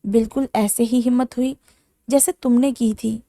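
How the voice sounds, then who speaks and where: A woman's voice: a little high, steady tone, warm tone, no echo, close to an everyday voice. A woman voicing a hot-tempered, mocking young man in a romance audiobook. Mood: harsh. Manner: harsh, mocking.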